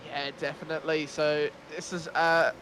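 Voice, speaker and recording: High-pitched male motorsport commentator over engine noise. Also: little pitch movement, moderate pace, fairly bright tone. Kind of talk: sim racing play-by-play commentary. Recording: constant car engine noise. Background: race cars and engine noise.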